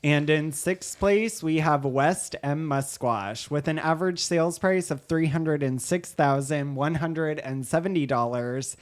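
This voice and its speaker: A woman co-hosting a podcast, counting down figures in a slow, deliberate way. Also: sits low. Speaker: podcast co-host. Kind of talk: reading market figures in a podcast.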